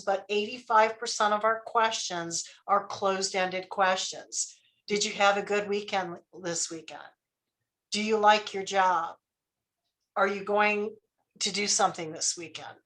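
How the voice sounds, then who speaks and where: Bright-voiced woman coaching a workshop. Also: medium pitch. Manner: conversational, checks in with "right?" and "okay?"; quizzes the audience. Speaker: leadership coach. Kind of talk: live workshop presentation.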